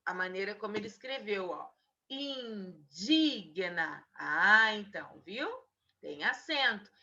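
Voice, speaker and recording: A woman teacher giving a remote spelling lesson to children on a video call, slowly stretching out each word she dictates. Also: medium pitch, animated, bright, forceful tone. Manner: patient, drawn-out dictation of single words. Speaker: primary school teacher. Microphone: video call mic. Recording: dull lo-fi video call audio.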